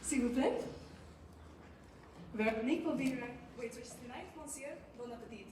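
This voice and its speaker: A woman's voice: a little high, moderate pace, a little mellow, slight background noise, close to an everyday voice. Teen girl playing a fawning fake-French host. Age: teens. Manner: fawning, put-on French accent. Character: fawning mock-French maître d'. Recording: echoey hall from far off.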